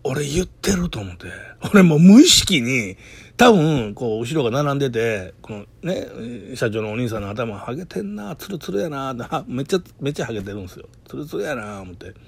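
A man with a Kansai accent telling a comic story in an excitable, stumbling monologue as a podcaster. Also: mid-range voice, a little fast, creaky, breathy edge, no echo. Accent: Kansai Japanese. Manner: excitable, animated, stumbling retelling. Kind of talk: casual comedic storytelling monologue.

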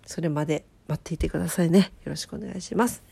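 A woman's voice: low-pitched, quick pace, gravelly, dark tone, slightly rough, no room sound. A woman hosting a casual, chatty solo radio show in polite speech, her voice nasal from a blocked nose. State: stuffed-up nose.

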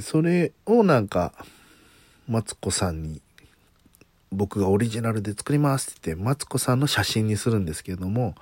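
Chatty guy doing a solo podcast, lowish voice that jumps around a lot, dry close mic. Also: a little mellow, slightly rough, no room sound. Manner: chatty, musing aloud, asks listeners. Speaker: podcast host. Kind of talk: casual solo talk radio.

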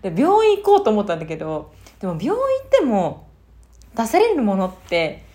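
Young woman telling a lively story. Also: mid-range voice, a little fast. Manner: animated, sound-effect-laden retelling. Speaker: solo radio talker. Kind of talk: casual storytelling monologue.

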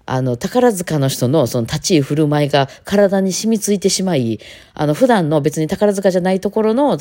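Fast-talking Kansai woman, very low voice. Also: mellow. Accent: Kansai Japanese. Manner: chatty, rambling, playful mimicry. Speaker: violinist and podcast host. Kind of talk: casual solo talk.

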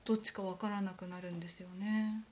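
A young woman from Aomori, Japan co-hosts a casual chat podcast with her sister, speaking quickly in a medium-pitched, darkish voice with fairly even intonation. She tells stories in a chatty, self-deprecating way.

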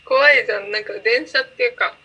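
Bright, husky woman with creaky edges. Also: on the high side, fast talker. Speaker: podcast co-host. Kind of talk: casual chat.

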